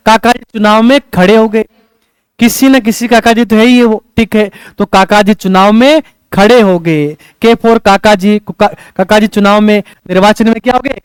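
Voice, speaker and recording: A man's voice: high-pitched, clean tone, no echo. A male coaching teacher, lecturing a class and checking in with rhetorical questions as he teaches memory tricks.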